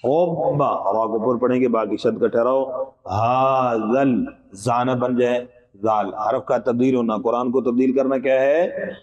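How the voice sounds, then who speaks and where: A man's voice: mid-range voice, normal speed, darkish tone, dull audio. A man teaching recitation, patiently explaining each sound and quizzing his students, sometimes chanting verses in a long melodic tone. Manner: patient, explains letter by letter and asks the class questions. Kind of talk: recitation pronunciation lesson.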